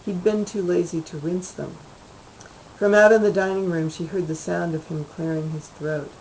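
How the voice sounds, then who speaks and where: A woman, the author, reading her own literary short story aloud in a measured, even way. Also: fairly low pitch, slight background noise, poor audio.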